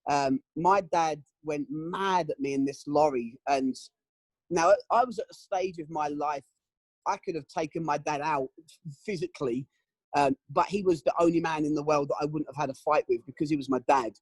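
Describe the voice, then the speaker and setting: A middle-aged man giving candid, emotional testimony in an interview, often pausing with "um" and "you know". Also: on the high side, husky, no room sound, low-quality recording. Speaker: interview guest.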